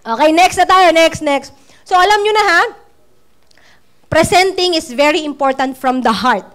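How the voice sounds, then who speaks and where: A woman's voice: high-pitched, moderate pace, a bit bright. A woman business trainer giving a casual training talk, chatty and playful with teasing asides.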